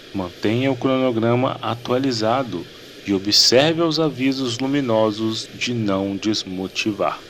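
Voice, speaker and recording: A man's voice: mid-range voice, slight background noise. A man reading a mock airport boarding announcement in a formal announcer's cadence. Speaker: host of a Bible-reading program.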